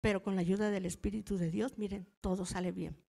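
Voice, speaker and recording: A woman's voice: mid-range voice, fairly even intonation, a little fast, creaky, warm tone. A middle-aged woman with a Mexican Spanish accent, teaching in church and telling personal stories in a conversational way, often asking the audience to agree. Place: church hall.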